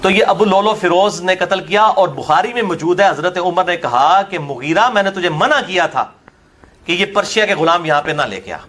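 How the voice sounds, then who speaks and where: Punjabi-accented male preacher, high-pitched, combative and mocking, fires questions at his listener. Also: lively intonation, a bit bright. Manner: combative, mocking, drifts between Urdu and Punjabi. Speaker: religious speaker. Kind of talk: polemical religious lecture.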